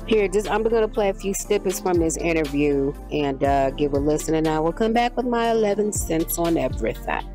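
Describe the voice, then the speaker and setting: Casting note: woman, very low voice, casual slangy host, faint music behind. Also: expressive, a little fast, hardly any pauses, dark tone. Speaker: commentary channel host. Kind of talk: casual commentary.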